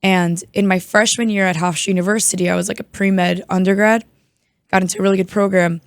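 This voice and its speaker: Hoarse young woman, chatty New Yorker. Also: medium pitch, fairly even intonation, a little fast, dry recording. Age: 20s. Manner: chatty, many "like" fillers. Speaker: guest. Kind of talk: casual chat.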